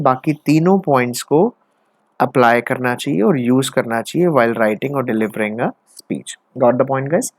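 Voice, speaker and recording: A man's voice: medium pitch, darkish tone, no room sound. A man with an Indian English accent teaching an exam-prep lesson, asking the class questions and then answering them himself.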